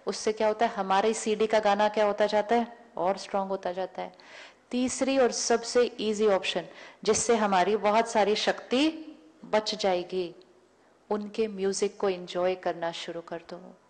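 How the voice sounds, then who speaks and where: A woman with a steady, medium-pitched, slightly mellow voice speaks a little slowly while giving a public spiritual lecture to an audience in a lecture hall. As a spiritual teacher, she tells everyday stories, acts out both sides of each conversation, and often repeats key words.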